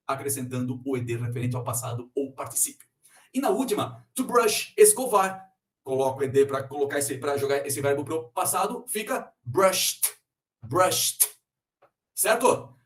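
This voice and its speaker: A man teaching an English pronunciation lesson, explaining rules slowly and repeating each example word. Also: fairly high pitch, reverberant, distant mic. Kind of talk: recorded online lesson.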